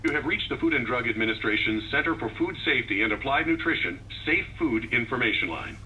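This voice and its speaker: A man's recorded phone menu voice reading measured, even prompts, heard through buzzy, glitchy internet call audio. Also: medium pitch. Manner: measured, evenly read prompts. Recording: muffled distant phone line with faint hiss.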